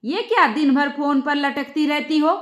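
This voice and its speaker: A crafty young daughter-in-law, put on by a woman narrator in a storybook telling. She talks in a sugary, falsely innocent way and keeps a quiet sting in her words. Her voice sits very high, and the room around it echoes. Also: moderate pace. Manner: feigned innocence, sweetly pointed. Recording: roomy echo.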